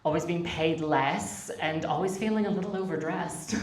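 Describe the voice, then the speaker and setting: A woman doing a stand-up comedy set, deadpan and self-mocking with quick asides to the crowd. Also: fairly low pitch, heavy background noise. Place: comedy club stage. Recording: echoey club, distant mic, audience laughter. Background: audience laughter.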